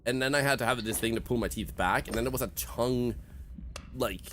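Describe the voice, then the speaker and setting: A young man with a Swedish accent and a medium-pitched, slightly bright voice chats candidly on a casual gaming stream, talking fairly quickly. He's reflective and rambling, full of fillers, with slight background noise.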